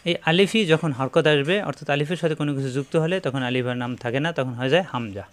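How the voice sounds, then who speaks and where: A man teaching Quran reading, explaining each Arabic letter and saying its name again and again in a slow, instructive way. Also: fairly high pitch. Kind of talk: step-by-step letter pronunciation lesson.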